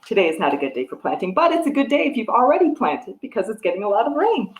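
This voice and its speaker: A middle-aged American storytime librarian talks fast to young children, her medium-pitched voice swinging widely as she reads a picture book, discusses a craft, explains simply, and asks questions. Recorded on a device microphone at about arm's length in a home room with a wooden floor and piano, the audio is roomy with a little hiss or hum.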